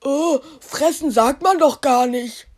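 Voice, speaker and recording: A woman's voice: sits high, slow pace. A woman voicing a silly, cheeky little blob creature in a playful fan story, rambling and stumbling over words. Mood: goofy.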